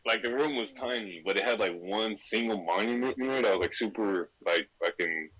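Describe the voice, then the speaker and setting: A man's voice: fairly low pitch, a little fast, fairly bright tone, low-quality recording. A young man in casual chat, telling stories in a laid-back way and swearing freely. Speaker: co-host.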